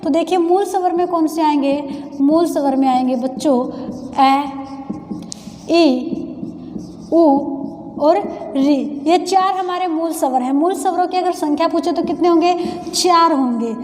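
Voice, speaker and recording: High-voiced woman teaching in an echoey room. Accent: Haryanvi Hindi. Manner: addresses students as children, repeats key terms slowly. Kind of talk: exam-prep grammar lesson. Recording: echoey room with long reverb.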